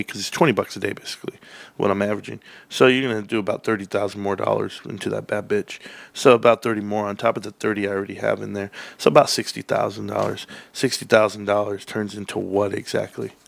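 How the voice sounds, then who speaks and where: A gravelly-voiced man in his forties hosts a casual livestream, trading between high, hyped outbursts and low, mumbled asides. He keeps calling his viewers bros and guys. The sound is close and dry, with no room around it. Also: fast, no echo. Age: 40s. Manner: hyped, swings into high excited bursts, then low muttering. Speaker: stock livestream host.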